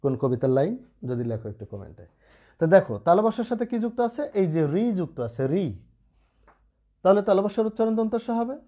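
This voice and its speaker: In an online lesson on Bengali pronunciation rules, a man speaks fast and animatedly in a high voice with a dark tone. He explains patiently, often checking in with students through rhetorical questions.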